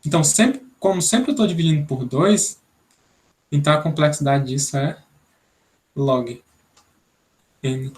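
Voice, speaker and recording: Young man from Brazil, programming instructor, raised pitch, patient, thinks aloud. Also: a little slow, long pauses, darkish tone. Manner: explanatory, thinks aloud, many "né?" tags. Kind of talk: online programming class.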